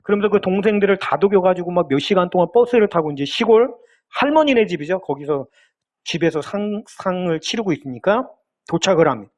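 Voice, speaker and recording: A man's voice: high voice, expressive, brisk. A male pastor in his thirties preaching a sermon, retelling a television drama scene as a story. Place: church sanctuary.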